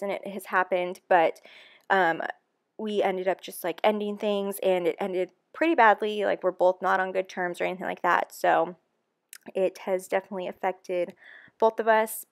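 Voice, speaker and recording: Chatty young woman, candid and emotional. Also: medium pitch. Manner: chatty, frequent ums and likes. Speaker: planner vlogger. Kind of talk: casual talking voice-over.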